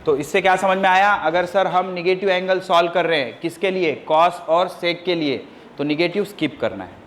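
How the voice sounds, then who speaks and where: A man teaching a coaching class, first scolding students loudly about discipline, then calmly dictating formulas step by step in a classroom. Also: high-pitched, moderate pace, a little hiss or hum. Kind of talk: classroom lecture.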